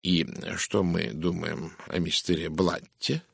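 Man doing a soft-spoken detective, slow, measured, dry close sound. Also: deep voice, fairly even intonation, vocal fry, slightly rough, dry recording, full character voice. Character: calm soft-spoken foreign male detective.

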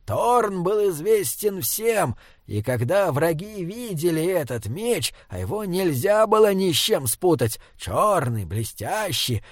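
A man's voice: on the high side, dry recording, clean studio sound. A man voicing a small, cranky old male jester who tells tales in a grumbling way. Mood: irritable. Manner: grumbling, irritable storyteller.

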